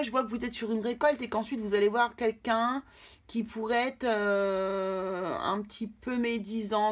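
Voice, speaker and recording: A woman giving a casual tarot reading to camera, chatting directly with her viewers. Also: on the high side. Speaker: tarot card reader.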